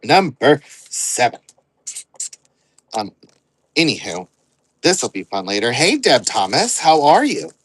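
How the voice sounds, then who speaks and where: A man's voice: on the high side, sing-song, takes it slowly, pauses often, fairly bright tone, breathy edge, no room sound, low-quality recording. A man hosting an online live sale, rambling and joking as he counts out items aloud. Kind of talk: casual live-selling chatter.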